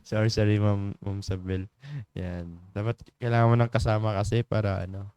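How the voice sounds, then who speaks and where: A man hosting a morning church devotion livestream in a studio, chatty, laughing often and filling pauses. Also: fairly low pitch, warm tone, clean tone, no echo. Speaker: devotion leader and livestream host. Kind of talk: casual livestream greetings and devotional talk.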